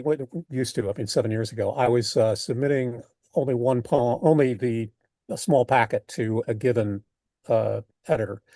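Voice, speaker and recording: An older man with an American accent talks reflectively in an interview, thoughtful and halting as he rephrases mid-sentence. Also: medium pitch, dark tone, dry recording. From United States. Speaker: poet being interviewed.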